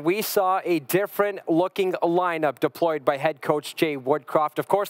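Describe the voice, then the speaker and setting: A man, hosting a post-game hockey show from a TV studio desk in a crisp, scripted delivery. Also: high voice. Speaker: sports show host.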